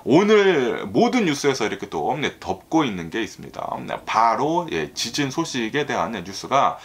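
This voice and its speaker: A man talking casually to his viewers about the news, rambling and filling every pause with little filler words. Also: mid-range voice, very animated, slightly rough. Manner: filler-heavy, constant "ne" and "ireoke tto"; rambling and talkative, sometimes laughs. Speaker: YouTuber reviewing US news. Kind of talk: casual solo video talk.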